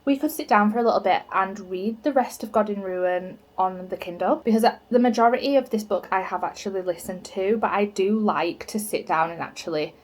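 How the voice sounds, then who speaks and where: A woman's voice: medium pitch, fairly quick, hardly any pauses. A young woman chatting casually in a vlog, filling her talk with "like". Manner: chatty, says "like" a lot. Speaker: vlogger.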